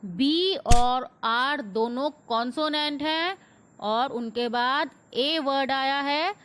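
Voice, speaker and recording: A young woman with a high voice plays an English teacher in a comedy sketch. She speaks very slowly and deliberately, stretching each word as she drills it, and switches between Hindi and English as she explains. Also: a bit bright, clear, resonant tone. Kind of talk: comic classroom sketch.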